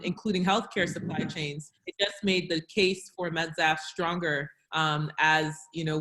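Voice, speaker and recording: A woman, an entrepreneur speaking as a guest in a webinar conversation, leaning on fillers like you know. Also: low-pitched. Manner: flat, filler-heavy, says you know. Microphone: video call.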